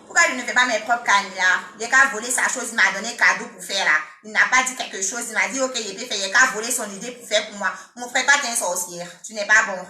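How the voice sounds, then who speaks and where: A woman's voice: medium pitch, quick pace, few pauses, pushed and bright, echoey room. A woman with an Ivorian French accent chatting on a live stream, teasing and playfully scolding her commenters. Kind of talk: casual live-stream chat.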